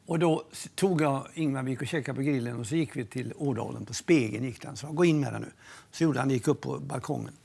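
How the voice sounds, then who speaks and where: An older man, a film producer, reminiscing in a documentary interview, a lively storyteller who swears freely and acts out what others said. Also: medium pitch, creaky, hardly any pauses, breathy edge.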